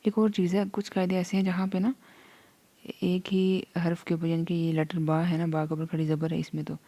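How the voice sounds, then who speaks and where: A woman's voice: lowish voice, little pitch movement, fairly quick, dark tone. A woman teaching an online reading lesson, patiently drilling letter sounds and drawing each one out.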